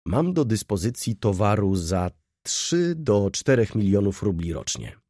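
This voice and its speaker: A man voicing a self-assured merchant who explains his plans in a measured, businesslike way. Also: fairly low pitch, big pitch swings, warm tone, dry recording, clean studio sound.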